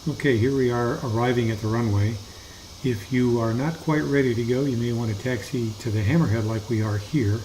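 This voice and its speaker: A man giving measured, methodical and formal scripted instruction as a flight simulator teacher. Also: medium pitch, warm tone, a little hiss or hum, poor audio.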